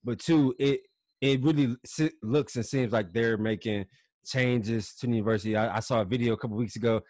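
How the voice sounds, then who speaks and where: A male podcast host and former college football player, speaking at a middle pitch. He keeps the chat easygoing, agreeing and laughing along, and his voice sounds dry and close with no room echo. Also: a little fast, darkish tone. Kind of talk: casual interview chat.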